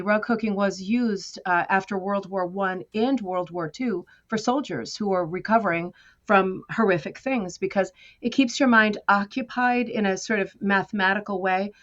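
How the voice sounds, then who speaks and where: A guest artist from the United States tells her story in a conversational interview, chatty and self-deprecating. Her voice is medium-pitched, and the sound is lo-fi.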